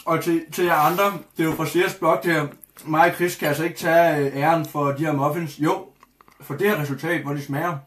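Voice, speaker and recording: A man's voice: a little high, steady tone, fairly bright tone, roomy sound. A young man hosting a casual cooking vlog, coughing now and then, chatting, swearing and joking with viewers. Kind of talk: casual live chat.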